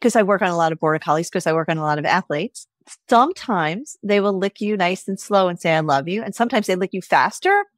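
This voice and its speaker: A woman veterinarian talking as a podcast guest, animated, often tagging her sentences with "right?" and acting out what the dogs would say. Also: on the low side, fast, no room sound, studio quality. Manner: animated, tags lines with "right?", acts out pets' voices. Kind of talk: casual interview chat.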